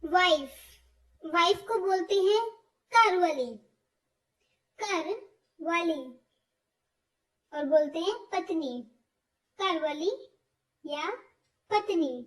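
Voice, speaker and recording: A woman teaching word lists, slowly repeating each word with stress. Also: extremely high pitch. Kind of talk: explaining vocabulary, slow and repetitive. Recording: voice from far off the mic.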